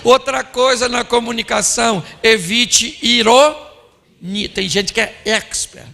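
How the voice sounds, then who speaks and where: A man pastor preaches a lively, joking sermon at a church conference. His voice sits high and bright with a heavy gravelly rasp, and he keeps slipping into little acted scenes. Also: slow pace. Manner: animated, playful, acts out scenes. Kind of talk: humorous sermon.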